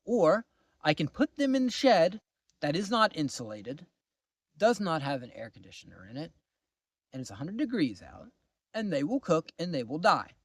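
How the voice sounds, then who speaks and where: A man casually telling a long personal story to the camera, exasperated at times and dropping to low mutters. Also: big pitch swings, normal speed, slightly rough, no room sound, studio quality. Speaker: vlogger.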